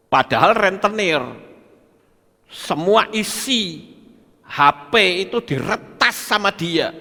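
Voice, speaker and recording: A man's voice: high voice, creaky, pushed and bright. An older man, a pastor preaching emphatically and firing rhetorical questions at his congregation. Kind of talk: sermon. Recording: long hall reverb.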